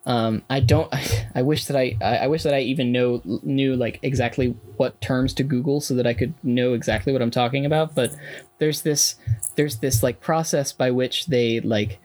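Young man, casual discussion, halting delivery full of fillers. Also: medium pitch, fairly even intonation, darkish tone, poor audio. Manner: halting, many fillers and restarts. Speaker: student in a class discussion.

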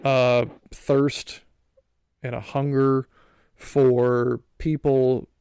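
A tired, sleepy man hosts a casual podcast in a laid-back, agreeable way. He speaks slowly, with a gravelly fry under a smooth, resonant tone. The sound is close and dry. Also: mid-range voice, flat delivery, warm tone, no echo. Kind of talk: casual chat.

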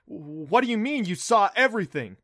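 A man reading a story, voicing a flustered, defensive teenage boy who is quick to complain. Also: mid-range voice, bright, forceful tone, no room sound, studio quality, lightly acted.

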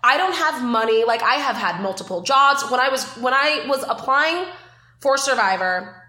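Young woman guest, bright kinda high voice, emotional animated storytelling, echoey room. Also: moderate pace. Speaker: guest, former reality show contestant. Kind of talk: casual interview chat.

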